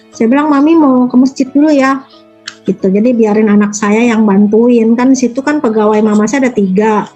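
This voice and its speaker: A woman in her forties tells her story in a loose, chatty way, her voice sitting high. She slips into livelier voices when she quotes people. Soft music plays faintly behind her. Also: low-quality recording. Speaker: interviewee. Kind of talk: casual storytelling.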